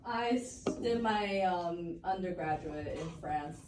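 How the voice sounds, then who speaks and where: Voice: medium pitch, takes it slowly. A chatty audience member at a comedy club, interjecting from the seats. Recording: distant, echoey audience voice in a loud crowd.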